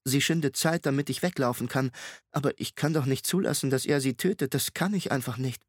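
A man's voice: mid-range voice, brisk, dry recording, studio quality, natural voice. A man voicing the anxious inner thoughts of a frightened young man in an audiobook. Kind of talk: audiobook reading.

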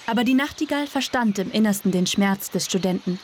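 A woman reading a fairy tale aloud in a calm, measured way. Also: mid-range voice, heavy background noise. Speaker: storyteller.

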